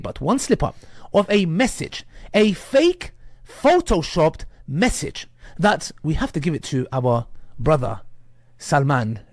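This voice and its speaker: A man addressing his viewers as brothers and sisters in an animated, sarcastic manner. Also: a little high, no echo, studio quality. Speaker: online preacher addressing viewers.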